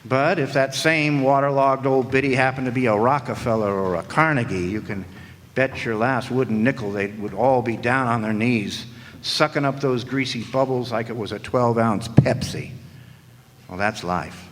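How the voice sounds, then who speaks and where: In a natural, medium-pitched voice at a moderate pace, a man narrates as a world-weary, hard-boiled 1940s detective, full of sardonic, slangy wisecracks. It's a live stage performance, with hall echo and background noise.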